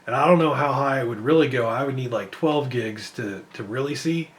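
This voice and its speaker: A man with a voice worn from losing it talks over his gameplay in a loose, rambling way. His pitch sits in the middle, and he thinks out loud as he checks frame rates. It is casual commentary, full of fillers and restarts. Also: fairly quick. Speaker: PC gaming benchmark creator.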